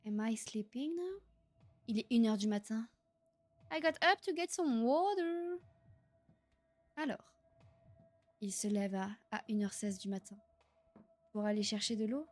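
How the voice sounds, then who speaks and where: A young woman streaming a horror game live, excitable, swearing and laughing as she chats with her viewers. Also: a little high. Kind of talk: live gameplay commentary.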